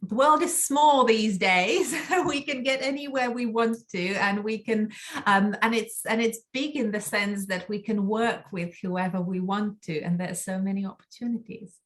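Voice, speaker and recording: A woman's voice: medium pitch, moderate pace. A woman from Latvia, an actress, talking in an interview over a video call, thoughtful and full of ums and restarts. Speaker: actress guest. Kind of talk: interview conversation.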